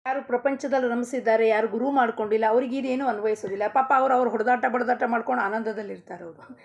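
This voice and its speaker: A woman's voice: fairly high pitch, fairly even intonation, fast, gravelly, lo-fi sound. A middle-aged woman giving a devotional discourse as a spiritual teacher, preaching emphatically with repeated phrases and rhetorical questions.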